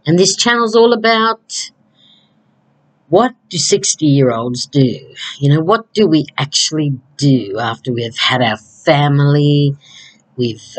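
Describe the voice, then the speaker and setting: Unhurried woman, early sixties, chatty home vlogger, rambling delivery. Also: extremely low pitch, poor audio. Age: 60s. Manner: rambling, conversational, frequent ums. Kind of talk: casual chat to camera. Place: small home room indoors. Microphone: laptop webcam.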